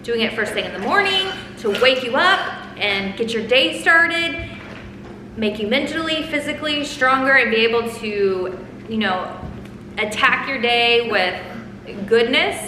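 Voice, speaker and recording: A woman's voice: a little high, animated, unhurried, pushed and bright. A woman hosting a casual vlog, explaining things enthusiastically to viewers. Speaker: host of a family vlog. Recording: echoey room with faint background noise.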